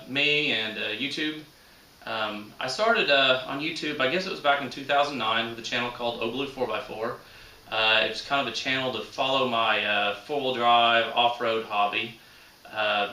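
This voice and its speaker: Roomy echo and a far-off microphone frame the casual, unscripted talk of a man in his thirties who runs a shooting hobby channel. His voice is sharp in tone and medium in pitch, and he comes across folksy, with rural, colloquial grammar.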